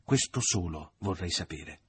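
A man with a low, husky voice reading a young woman who holds back deep anger, in an audiobook. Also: unhurried, full character voice. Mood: tense. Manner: tense, forced calm.

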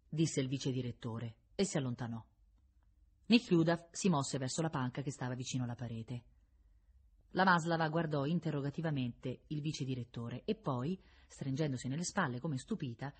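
A woman narrating a classic novel in an expressive, measured storytelling manner. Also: rumbling low, slightly rough. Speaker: audiobook narrator. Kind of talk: scripted narration.

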